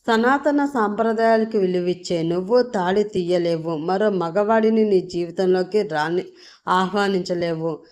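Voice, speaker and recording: A scheming wealthy villainess, put on by a woman reading an audio story. She taunts in a scornful, mocking tone at a middling pitch. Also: a little mellow, lightly acted.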